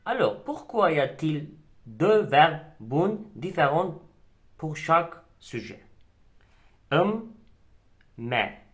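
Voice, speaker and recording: Brief: male teacher in a recorded lesson, unhurried, lilting delivery, repeats each example. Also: on the high side, fairly bright tone. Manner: slow, deliberate, repeats example words. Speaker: language teacher.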